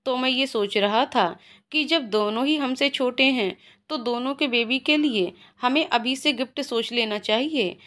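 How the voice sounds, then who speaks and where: A woman storyteller voicing a playful, teasing young husband in a low, soft voice. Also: a little slow.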